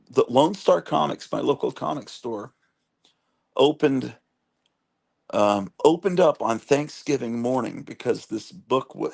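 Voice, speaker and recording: A man in his late fifties with a gravelly, husky voice, chatting casually on a livestream. He reads viewers' messages aloud, drifts between stories, trails off and picks up again, and is quick to poke fun at himself. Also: mid-range voice. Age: 50s. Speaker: comic collecting livestream host.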